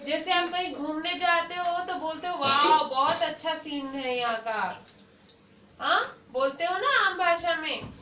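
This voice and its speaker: A woman's voice: sits high, sharp tone. A woman teaching a class, patient and questioning, often checking that students understand. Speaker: English teacher. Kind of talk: classroom lesson. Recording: echoey classroom, far from mic, faint noise.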